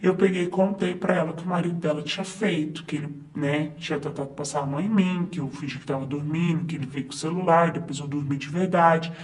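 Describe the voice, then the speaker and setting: Man, high voice, chatty first-person storytelling, fillers and asides. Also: fast talker, hardly any pauses. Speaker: story narrator.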